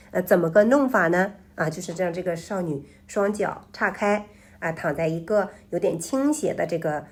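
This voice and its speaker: A woman host telling a suspense story conversationally, explaining step by step with halting, repeated rephrasing. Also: lowish voice, darkish tone.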